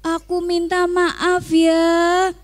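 A woman's voice: extremely high pitch, completely flat delivery, very slow, pitched above the performer's own voice, full character voice. A woman voicing a young son who repents to his father and pleads for forgiveness. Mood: pleading.

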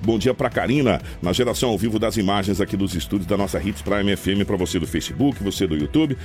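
A man's voice: lowish voice, lively intonation, fast talker, a little mellow, soft background music. A man with a Brazilian Portuguese accent hosting live radio, announcing emphatically and speaking straight to listeners like a salesman. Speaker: radio news show host. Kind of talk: live radio presenting with sponsor reads. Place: radio studio.

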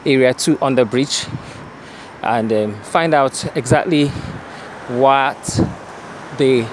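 A man's voice: medium pitch, slow. A man with a Nigerian accent who slips into Nigerian Pidgin, giving a hesitant, unscripted field report and interview. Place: outdoors near a bridge. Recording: faint outdoor street and vehicle noise.

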